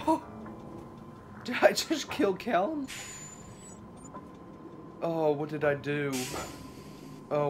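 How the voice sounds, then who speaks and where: A man doing gameplay commentary, excitable and jokey, talking back at the game. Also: a little high, noisy background. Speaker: let's play host.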